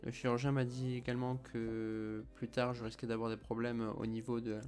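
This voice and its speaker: Male vlogger, early 20s, French accent, mid pitch, slight slushy lisp, mumbly articulation, explanatory delivery over background music. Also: level tone, moderate pace, darkish tone. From France. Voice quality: slight lisp, slushy s sounds from a palate expander. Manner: slightly mumbled articulation, chewing his words. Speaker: vlogger telling of his own treatment. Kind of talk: explanatory vlog talk to camera.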